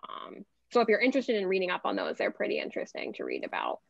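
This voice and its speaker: A woman's voice: medium pitch, wildly swooping pitch, fast, gravelly, dry recording. Woman, guest speaker, patient science explainer, laughs easily, muffled dry video-call sound. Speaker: genetic counselor guest speaker.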